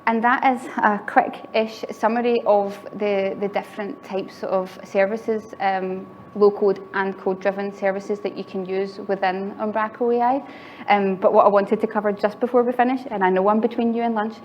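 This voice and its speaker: A woman's voice: medium pitch, darkish tone. A woman giving a conference tech talk in a chatty way, often laughing lightly between phrases. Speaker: conference speaker. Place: conference venue with live audience. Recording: slightly muffled recording with faint background noise.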